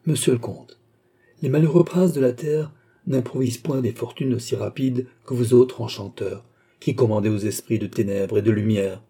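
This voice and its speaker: A man's voice: mid-range voice, moderate pace, dark tone, breathy edge. A man reading a proud cardinal prince in financial distress, haughty yet anxious and pleading. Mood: anxious pride.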